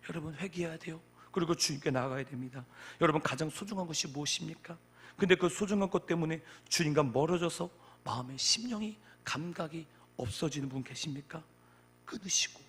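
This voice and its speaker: A man preaching a sermon in a church sanctuary, fervent, swinging between loud exhortation and hushed whispers. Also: a little high, slightly rough. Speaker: pastor. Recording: long church-hall reverb.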